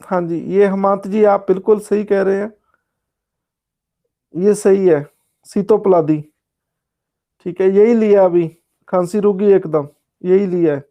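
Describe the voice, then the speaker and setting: A man's voice: high voice, fairly even intonation, measured pace, pauses often, dark tone. A male teacher, giving a casual online lecture and answering student chat, often saying "okay" and "yes". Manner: casual, repeats "ठीक है" and "हाँ जी" often.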